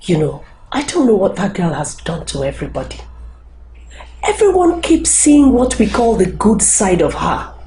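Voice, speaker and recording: A woman playing a worried gossip, mellow and echoey. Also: mid-range voice, big pitch swings, moderate pace, a little hiss or hum, natural voice. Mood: gossipy. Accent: Nigerian. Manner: gossipy, wary. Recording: echoey room.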